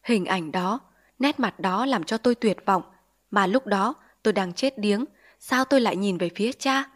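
Woman reading sorrowfully. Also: mid-range voice. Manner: measured, sorrowful. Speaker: narrator. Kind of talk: literary audiobook narration.

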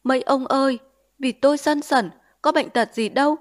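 A woman's voice: sits high, animated, quick pace, fairly bright tone, voice pushed up. Woman voicing a pleading young duck-herder lad. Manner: pleading, tearful.

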